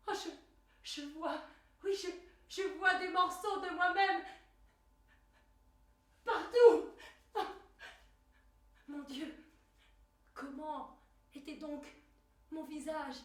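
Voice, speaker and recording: An actress playing a bewildered young girl who searches her lost memory, speaking in halting, repeated words and anguished exclamations in a theatre monologue. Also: very high-pitched, full character voice. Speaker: stage actress. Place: theatre stage. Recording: echoey stage recorded from far off.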